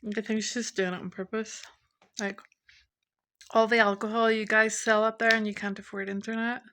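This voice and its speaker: A woman's voice: mid-range voice, little pitch movement, normal speed, fairly bright tone. A young woman vlogging casually from home, talking candidly and venting about her frustrations while snacking. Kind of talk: casual vlog chat. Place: indoors at home.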